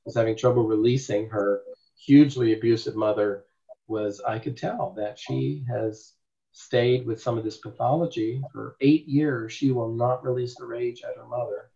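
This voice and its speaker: A man's voice: medium pitch, fairly even intonation, normal speed, creaky, mellow. A man, a therapist, giving an informal class to a group. He talks emphatically and rambles, and he often asks rhetorical questions. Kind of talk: informal teaching talk. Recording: dull lo-fi recording.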